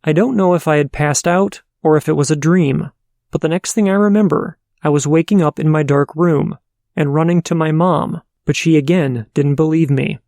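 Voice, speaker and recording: Man reading listener stories, gravelly, slightly high voice, dry close sound. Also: moderate pace, darkish tone, dry recording. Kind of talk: reading listener letters aloud.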